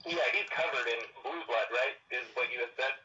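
A man playing a tabletop roleplaying game over a call, his voice thin and tinny like a walkie-talkie with no bass, halting and restarting as he thinks aloud. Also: pushed and bright. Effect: thin, tinny walkie-talkie-like sound with no bass. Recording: faint lo-fi mic far from the speaker.

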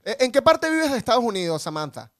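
A man with a Venezuelan accent co-hosting a podcast, bantering loudly with crude jokes. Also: very high voice, very animated, fast. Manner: loud, joking, crude banter. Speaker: podcast co-host. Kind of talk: casual comedic chat.

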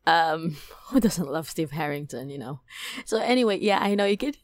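A woman hosting a podcast, telling a dream story in a casual, animated way, packed with "like" and "right?", her voice climbing high when excited. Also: normal speed, no room sound. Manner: animated, many fillers like "like" and "right?". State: toothache, on medication. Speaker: podcast host.

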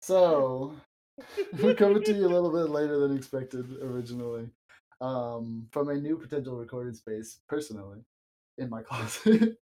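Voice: mid-range voice, moderate pace, mellow, low-quality recording. A podcast co-host talking from inside a small closet, chatting loosely about a wrestling show with fillers and laughs. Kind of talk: casual wrestling show review chat.

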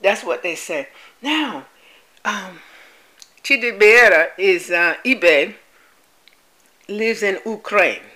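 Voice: mid-range voice, expressive, drawn-out words, pauses often, pushed and bright, low-quality recording. A vlogger giving casual news commentary, repeating points and spelling out names like a teacher, with frequent laughs. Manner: laughs often.

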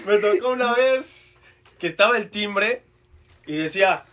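A man's voice: high-pitched, lively intonation, unhurried. A Mexican man chatting with friends in a crude, joking, swearing way. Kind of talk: casual chat among friends. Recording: noisy crowd behind. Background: crowd chatter.

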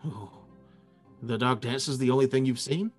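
A man's voice: medium pitch, moderate pace, close to an everyday voice. Man playing suspicious dwarf guardian, muttering, questioning, fantasy tabletop game, faint music. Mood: troubled, wary. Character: wary, suspicious dwarven gate guardian questioning intruders.

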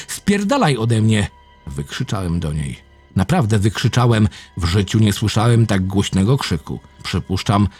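A man reading a first-person horror story aloud, low and intense with dramatic swings. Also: warm tone, breathy edge. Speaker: narrator. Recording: faint music behind the voice.

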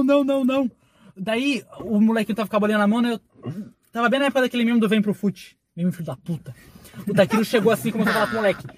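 Young guy with a high voice rattling off a story fast, slangy and rambling, faint hiss behind. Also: husky. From southern Brazil. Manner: rambling, slangy, quick anecdotes with frequent "tá ligado". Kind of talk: casual storytelling among friends.

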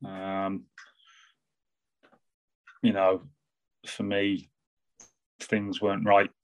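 A former footballer with an English Midlands accent, talking in a casual podcast interview with halting, restarting sentences. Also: male voice, sits low, monotone, clear, resonant tone, low-quality recording. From England. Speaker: football manager and former player.

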